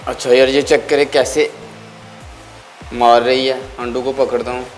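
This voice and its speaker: A chatty man speaks casually to his viewers while he tends his birds, and now and then he coaxes them in a friendly voice. His pitch sits in the middle range. Soft music plays faintly behind him, and the sound comes from a phone camera held in his hand. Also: flat delivery, moderate pace. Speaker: bird-keeping vlogger. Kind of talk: casual vlog chat. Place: at home, among bird cages.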